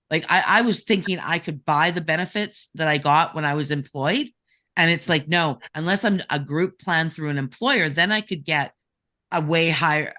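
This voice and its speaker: Halting, bright-voiced man. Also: on the high side. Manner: halting, full of restarts. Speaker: panelist. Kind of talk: casual panel discussion.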